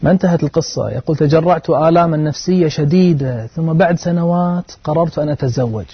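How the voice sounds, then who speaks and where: A man's voice: a little high, fast talker, slightly rough. A man preaching an earnest sermon, telling a moral story and urging his listeners, his voice climbing at emotional peaks. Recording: dull lo-fi recording.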